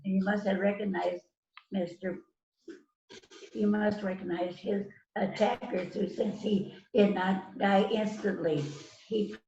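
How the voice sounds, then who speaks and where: On a noisy, echoey, muffled online call, a woman reads the part of a stern police detective questioning suspects in an amateur readers theater mystery. Her medium-pitched voice is mellow with vocal fry, and she sounds probing. She reads haltingly, stumbling and repeating words.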